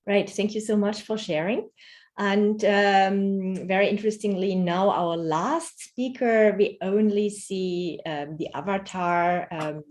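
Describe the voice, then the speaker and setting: A woman's voice: mid-range voice, darkish tone. A woman moderating an online panel, inviting speakers politely with frequent fillers over a video call.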